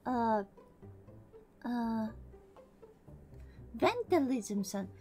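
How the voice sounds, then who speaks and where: A woman from the American South giving a casual live-streamed English lesson, playful and breaking into mock-angry rough slang. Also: fairly high pitch, slow, a little mellow, soft background music.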